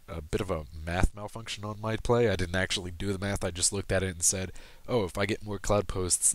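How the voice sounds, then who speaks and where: Over a screen recording of a card game, a commentator with a low, fairly flat voice patiently explains each play. He pauses with ums and corrects himself often, and his voice sounds a little worn, as if he's losing it.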